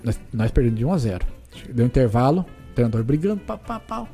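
Brazilian man, footballer guest, rapid animated storytelling, dark voice, faint music behind. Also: medium pitch. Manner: animated, repetitive, acts out dialogue. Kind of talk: casual storytelling.

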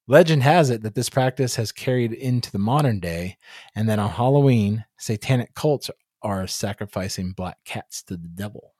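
A man's voice: on the low side, darkish tone, no room sound. A man co-hosting a casual podcast chat, reading facts and teasing the others with dry humor. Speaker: podcast co-host.

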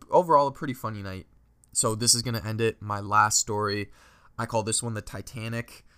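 A man's voice: fairly low pitch, bright, forceful tone, smooth. A young man from Ontario, Canada, telling rambling party stories with lots of filler words, swearing and laughter. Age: young adult. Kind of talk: casual storytelling.

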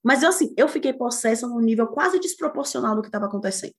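A woman with a Brazilian Portuguese accent, speaking as a guest in an animated conversational way, expressive and laughing often, with quick bursts of emphasis. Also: on the high side. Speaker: guest speaking on nonviolent communication.

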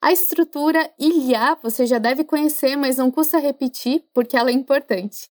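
A woman with a high voice gives a podcast French lesson. She is chatty and encouraging, and she slows down to model how phrases should sound. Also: a little mellow. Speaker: French teacher.

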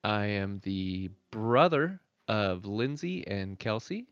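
Sarcastic man, 30s, lowish voice, dull dry recording. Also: expressive, smooth, dry recording. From United States. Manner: sarcastic, quick-quipping. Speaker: podcast co-host. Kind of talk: casual family chat.

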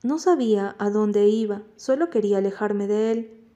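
A woman reading a novel aloud in first person as an audiobook narrator, at a steady, measured pace. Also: medium pitch, dull audio.

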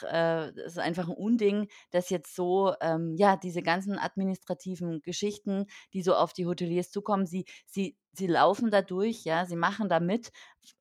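Low-voiced woman, halting and indignant. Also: no room sound, clean studio sound. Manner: hesitant, many fillers and restarts, indignant. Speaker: podcast guest from the hotel industry. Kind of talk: casual podcast conversation.

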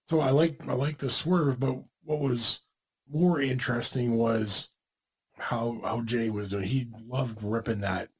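A man's voice: medium pitch, husky, rough recording. A man co-hosting a podcast, chatting casually about wrestling in a rambling way with many restarts. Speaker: podcast co-host.

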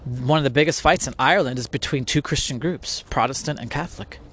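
A man's voice: medium pitch, fast talker, background noise. A man hosting a podcast, talking through a topic in a casual, reflective monologue full of restarts and rhetorical questions.

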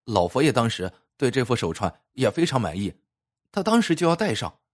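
A man's voice: mid-range voice, big pitch swings, a little fast, pitched below the performer's own voice. A man voicing a tearful, beaten servant of a magistrate's office in a folk tale, complaining as he explains. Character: whimpering male yamen runner, beaten.

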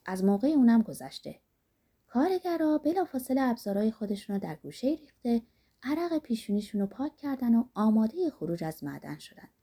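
A woman narrating a novel as an audiobook, measured and dramatic. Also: a little high, warm tone, breathy edge. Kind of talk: literary audiobook reading.

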